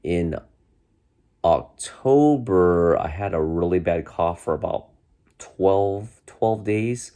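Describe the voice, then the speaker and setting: His deep, warm voice sounds congested because he's getting over a cold. The man, a vlogger in his forties, chats to camera from his bedroom in a loose, rambling way, frequently restarting and using many fillers.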